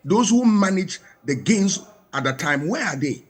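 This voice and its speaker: Husky Ghanaian man, emphatic. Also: high-pitched, very animated, a little slow. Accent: Ghanaian English. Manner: emphatic, rhetorical questions. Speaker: panel guest. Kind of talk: studio panel commentary.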